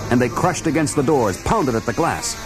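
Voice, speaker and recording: A man plays a decisive reporter hero in an old radio show adventure. His medium-pitched voice swings widely as he tells of disaster with dramatic urgency, over background music. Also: expressive, normal speed, natural voice. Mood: grave urgency. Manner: dramatic storytelling delivery.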